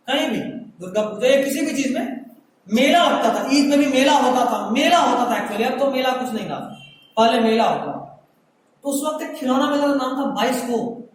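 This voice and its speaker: A man giving a chatty, joking chemistry lecture in a classroom, often asking his students questions. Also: extremely high pitch. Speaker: teacher. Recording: very echoey room, mic far off, faint noise.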